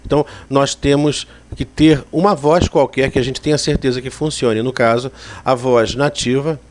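A man with a Brazilian accent giving a spoken software tutorial in a conversational, explanatory way. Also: medium pitch, steady tone, normal speed. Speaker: software instructor.

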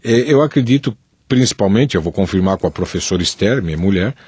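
Low-voiced São man, halting. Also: animated, darkish tone, husky, no echo. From São Paulo, Brazil. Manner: halting, repeats words while explaining. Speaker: Portuguese teacher co-host. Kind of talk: casual radio chat.

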